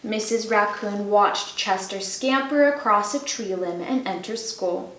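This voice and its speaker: Female storybook reader for young children, unhurried delivery, medium pitch, echoey room. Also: fairly bright tone. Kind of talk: children's story read-aloud with personal introduction.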